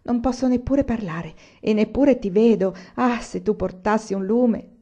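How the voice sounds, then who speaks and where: A woman reading aloud and voicing a passionate young student who speaks with a raised, excited voice. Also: high-pitched, unhurried. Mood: breathless joy. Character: passionate young male student, hot-tempered.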